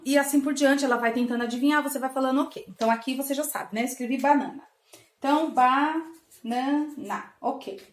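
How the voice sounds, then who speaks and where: A woman with a high, bright-sounding voice talks parents through learning games at home. She is coaxing and playful, acting out little exchanges with a child. The sound bounces around the echoey bedroom she records in. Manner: warm, coaxing, acts out playful dialogue with a child. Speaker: channel host giving parenting tips. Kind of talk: casual home teaching talk.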